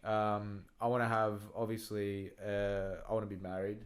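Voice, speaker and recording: A man's voice: fairly low pitch, monotone, normal speed. An Australian man in his thirties hosting a casual podcast chat, chiming in with short agreements and jokes. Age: 30s. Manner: short agreeing interjections, joking. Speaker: podcast host.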